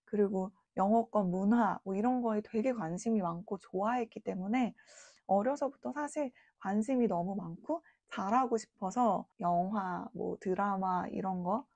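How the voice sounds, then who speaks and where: Mellow-voiced woman in her late thirties. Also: mid-range voice, dry recording. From South Korea. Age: late 30s. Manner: chatty and reflective, informal speech. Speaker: vlogger. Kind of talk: casual talking-to-camera vlog.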